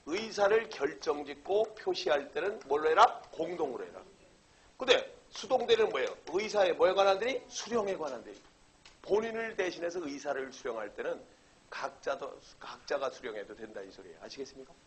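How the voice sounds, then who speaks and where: A man's voice: on the high side, very animated, brisk, low-quality recording. A middle-aged man lecturing on law. He poses questions and answers them himself, and keeps checking that the class follows. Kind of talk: exam-prep lecture.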